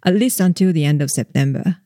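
A reporter guest on a news podcast, explaining the facts in a measured way with small hesitations. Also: mid-range voice, mellow, dry recording, studio quality.

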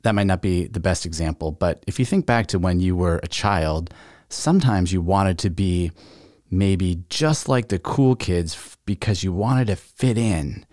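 A man with a fairly low voice hosts his own podcast in a relaxed, chatty way. He keeps turning to the listener with rhetorical questions. The sound is close and dry, with no room echo. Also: unhurried. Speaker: podcast host. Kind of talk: casual solo podcast talk.

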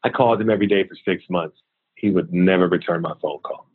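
Interview guest, male, 40s, lively storyteller, low voice, phone-quality line. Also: fast talker, breathy edge. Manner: animated, acts out quoted voices. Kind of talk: casual storytelling. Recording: thin phone-like audio.

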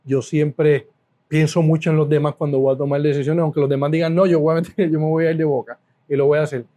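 A middle-aged Puerto Rican man speaks as an interview guest, a little high in pitch but soft and mellow in tone. He tells stories with animation, stacking repeated words for emphasis and laughing now and then. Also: flat delivery, quick pace. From Puerto Rico. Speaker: guest, food business owner. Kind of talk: casual interview storytelling.

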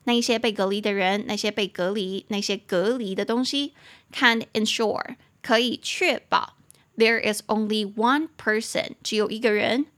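Woman spelling out English words slowly. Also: fairly high pitch, a bit bright. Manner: explains words slowly, spells them letter by letter; repeats words and mixes Mandarin with English. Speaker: English teacher and podcast host. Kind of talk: podcast vocabulary lesson.

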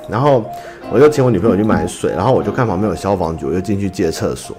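A man's voice: low-pitched, animated, fast, music in the background. A man with a Taiwanese Mandarin accent hosts a casual podcast, answering listener letters as a rambling, self-mocking storyteller. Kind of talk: casual chat.

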